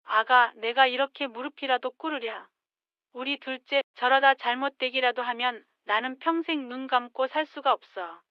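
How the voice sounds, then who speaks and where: A woman voicing a sweet-talking older mother-in-law who pleads softly and tearfully. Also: sits high, moderate pace, no echo, natural voice. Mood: tearful pleading. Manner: soft, coaxing and pleading. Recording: dull lo-fi sound.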